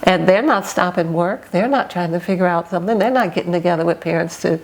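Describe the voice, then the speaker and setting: An older woman speaking as a guest on a casual podcast. Her voice is low and gravelly with vocal fry. She talks in an earnest, deliberate way and restarts her phrases.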